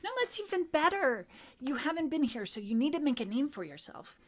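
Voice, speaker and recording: A woman's voice: high-pitched, animated, quick pace, a little mellow, pitched above the performer's own voice. A woman voicing a pushy, encouraging female student in a tabletop role-play, insistent and coaxing. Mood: urging.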